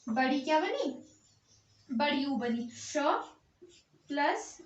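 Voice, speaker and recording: A high-pitched woman with an Uttarakhand Hindi accent explains grammar at an unhurried pace, asking a question and then answering it herself. The sound is dull and lo-fi, caught in a roomy, echoing space. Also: animated. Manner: asks questions and answers them herself, repeating "theek hai". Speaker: teacher. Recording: echoey room, dull lo-fi sound.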